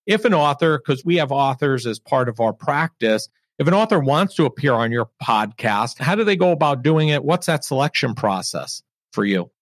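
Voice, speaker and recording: A man's voice: mid-range voice, animated, normal speed, hardly any pauses, dry recording, studio quality. A middle-aged man with an American accent, interviewing a guest as a podcast host in a conversational way.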